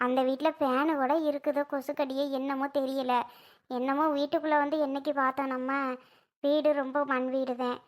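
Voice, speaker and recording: A woman's voice: high-pitched, little pitch movement, a little fast, natural voice. Woman doing a fretting old village mother. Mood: worried. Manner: fretting, lamenting. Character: older village mother, anxious and doting. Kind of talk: cartoon voice acting.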